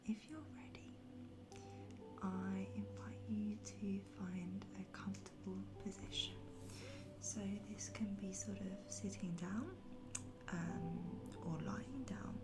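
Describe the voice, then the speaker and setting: A woman softly whispering an ASMR guided pep talk of affirmations in a gentle, reassuring, unhurried and breathy way. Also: medium pitch, low-quality recording. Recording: music behind the voice. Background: music.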